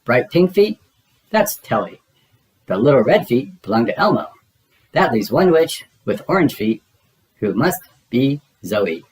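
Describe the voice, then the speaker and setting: A man reading a storybook, voicing a gruff, contrary, teasing grouch monster who lives in a trash can. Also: medium pitch, very animated, measured pace, a little mellow, poor audio. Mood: grumpy, smug.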